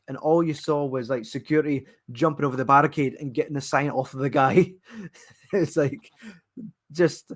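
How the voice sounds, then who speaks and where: Rambling man chatting casually. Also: medium pitch. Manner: chatty and rambling, laughs often. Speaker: co-host. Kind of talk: casual chat, live reactions. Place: at home watching TV.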